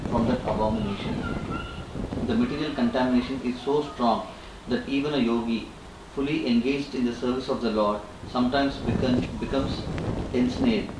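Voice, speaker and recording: A man reading scripture commentary aloud in a measured way with small stumbles. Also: mid-range voice. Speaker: class participant reading aloud. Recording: echoey, noisy, far from the mic.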